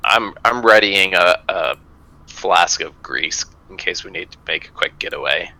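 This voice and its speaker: A man's voice: low voice, lively intonation, unhurried, sharp tone, no echo, low-quality recording. A man playing a tabletop game, describing his character's actions hesitantly with many fillers. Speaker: player. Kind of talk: casual tabletop game talk.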